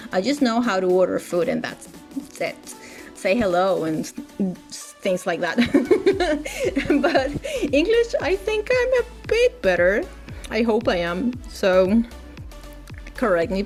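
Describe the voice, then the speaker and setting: Faint music plays beneath a young woman's mid-range, slightly mellow voice. Spanish is her first language, and as a gaming YouTuber she chats casually in voice-over, frequently restarting and dropping in filler words.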